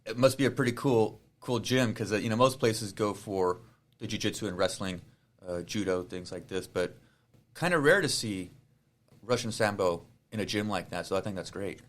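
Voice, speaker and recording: A man hosting a podcast interview, asking relaxed, rambling questions full of fillers. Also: lowish voice, normal speed. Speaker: podcast host. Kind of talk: casual interview.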